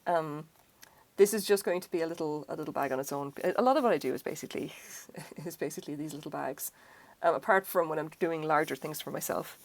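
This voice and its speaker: A middle-aged woman from Ireland crochets on a live stream while chatting casually, rambling off into self-deprecating asides. She has a deep, creaky voice and talks fast.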